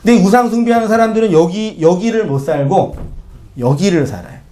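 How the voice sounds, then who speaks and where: A man's voice: sits high, a little fast, mellow, a little hiss or hum. A male pastor preaching in a conversational way, often questioning the congregation and acting out short quoted lines. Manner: acts out short quoted lines in changing voices. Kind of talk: sermon.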